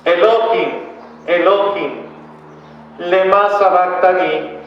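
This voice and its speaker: A man's voice: on the high side, slow pace, distant mic, a little hiss or hum. A man reading the part of a dying man crying out, his voice lifted and drawn out. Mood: anguished. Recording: dull, echoey church from afar.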